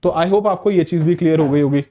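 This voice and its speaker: A man's voice: fairly high pitch, brisk, warm tone, dull audio. A man teaching grammar to exam students, patiently checking in with his listeners as he explains. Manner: patient, repeats "ठीक है" to check understanding.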